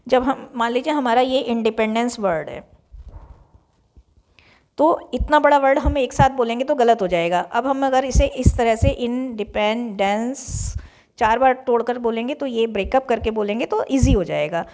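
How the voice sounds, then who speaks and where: A young Indian woman teacher giving an exam revision lecture, explaining slowly and repeating key terms. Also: on the high side, expressive, darkish tone.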